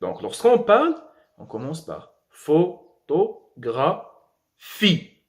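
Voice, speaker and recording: A young man with a Moroccan accent teaching a French lesson, spelling letters slowly and drilling words, with quick asides in Arabic. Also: fairly high pitch, big pitch swings.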